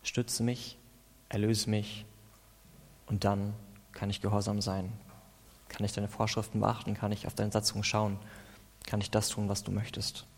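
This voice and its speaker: A man's voice: lowish voice, flat delivery, a little slow, long pauses. A man reading psalm verses aloud as a devotional, stopping now and then to comment in a plain, conversational way. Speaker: preacher. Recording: long hall reverb.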